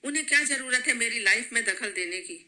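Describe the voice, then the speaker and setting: A woman reading aloud plays a bitter young wife, hurling accusations in a very bright, piercing tone. She snaps and shouts at the people around her. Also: fairly high pitch, expressive, a little fast. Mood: angry. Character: angry young wife and mother, sharp-tongued.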